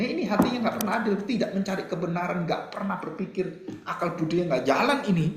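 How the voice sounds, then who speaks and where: A man preaching a sermon, swinging between loud exclamations and hushed asides. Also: fairly high pitch, echoey room. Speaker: pastor.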